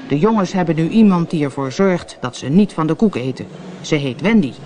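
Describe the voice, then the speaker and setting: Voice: medium pitch, animated, a little fast, warm tone, a little hiss or hum, lightly acted. A storybook reader voicing a bossy, blustering grown male pirate captain who roars his orders, with faint background ambience. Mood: scheming. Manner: roaring, bossy.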